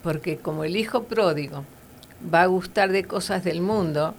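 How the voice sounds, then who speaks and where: A woman's voice: lowish voice, moderate pace, slight background noise. A woman giving earnest, conversational Bible teaching, with fillers and tag questions.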